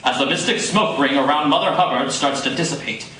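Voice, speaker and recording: At a live coffee house performance, a man dramatically narrates a script in the manner of a radio serial. His voice is fairly high and a bit fast, and the recording is distant, echoey and noisy.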